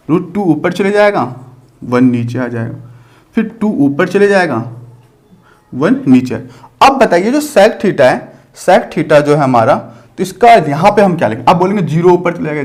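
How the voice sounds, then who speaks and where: A man teaching a math lesson, walking through each step patiently and asking the class rhetorical questions as he goes. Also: on the high side.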